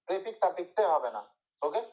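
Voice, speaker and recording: A man's voice: high voice, big pitch swings, a little fast, dull audio. A male teacher giving a lecture to his students, repeating points and checking often that they understood. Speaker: English teacher.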